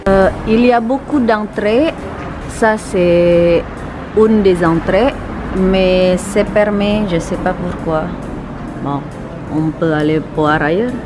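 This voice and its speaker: A woman's voice: mid-range voice, slow pace. A woman with a Sundanese-Indonesian accent, narrating a casual vlog outdoors in a city, hesitant and playful, with many fillers. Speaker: vlogger. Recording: music playing under the voice.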